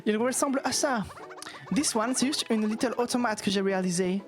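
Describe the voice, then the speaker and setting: A woman's voice: medium pitch, moderate pace, over music, natural voice. A pompous block collector from a video game who talks French larded with English words, in an affected, mock-posh tone, as a woman streamer puts him on. His voice sits a little above her plain speech. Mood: dreamy, pleading. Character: snooty male block collector, impatient boss of Bowser's world. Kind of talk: reading game dialogue aloud in voices.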